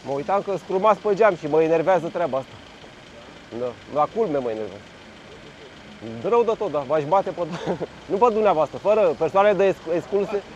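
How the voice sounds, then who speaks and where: A man giving casual running commentary from his bike on city streets, loud and blunt, swearing freely at other road users. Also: on the high side, expressive, muffled recording, a little hiss or hum. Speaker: cycling vlogger. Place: outdoors on city streets in traffic.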